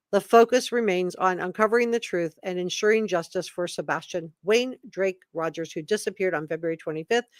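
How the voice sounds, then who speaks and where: A woman with a medium-pitched voice delivers live commentary in a dry, close recording. She reads statements aloud with emphasis, repeating key words. Her delivery is opinionated, with informal asides to her viewers. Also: no room sound. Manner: opinionated, informal asides between read passages. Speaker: livestream host commentator.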